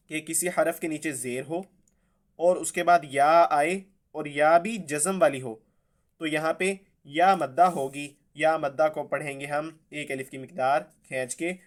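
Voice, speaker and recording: A man teaches recitation at a very unhurried pace. His voice is smooth and resonant and sits a little high. He names each letter and vowel mark, then sings the word out long. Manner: spells letters and vowel marks aloud, then recites drawn out. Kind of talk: slow spelled-out tajweed lesson.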